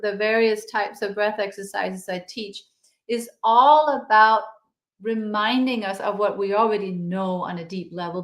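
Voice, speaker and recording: Speaking gently in a spiritual interview, this guest from Denmark is a yoga teacher and author, a native Danish speaker. Her medium-pitched voice is soft and meditative, trailing off quieter, and the sound is roomy.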